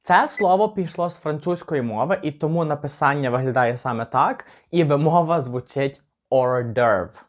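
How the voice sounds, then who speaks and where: Chatty man teaching English pronunciation. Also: fairly high pitch. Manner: chatty, slows down to spell out words. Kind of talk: casual pronunciation lesson.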